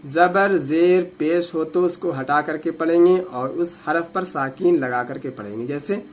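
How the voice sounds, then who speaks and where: धीमे-धीमे अक्षर जोड़ता हिंदी-उर्दू लहजे वाला पुरुष शिक्षक. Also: male voice, fairly high pitch, soft background music. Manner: patient, drawn-out syllable drilling. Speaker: Quran teacher. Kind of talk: slow spelled-out recitation lesson.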